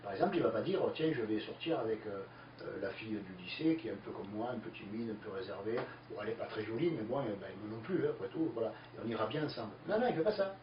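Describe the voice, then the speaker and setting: A man answering listener questions in a lively, emphatic explanatory talk full of fillers. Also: on the low side, racing. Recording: distant, echoey, dull lo-fi with faint hiss.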